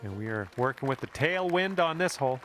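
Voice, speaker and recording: A man playing a calm golf commentator in a video game, encouraging the player directly. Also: mid-range voice, fairly quick, lightly acted. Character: friendly adult male golf announcer. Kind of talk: scripted golf play-by-play. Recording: game audio with music and crowd. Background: music and crowd noise.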